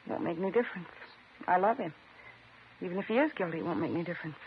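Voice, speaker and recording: A woman's voice: on the low side, racing, close to an everyday voice. An actress playing an anxious, lovestruck married woman in an old-time radio drama, speaking in an earnest, wounded, dramatic way. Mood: devoted, resigned. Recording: noisy muffled old radio recording.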